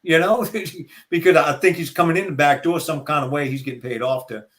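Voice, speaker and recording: A man's voice: a little high, steady tone, fairly quick, fairly bright tone. An older man with a Southern accent, a guest talking in a folksy, rambling, opinionated way during a casual interview. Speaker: guest speaker.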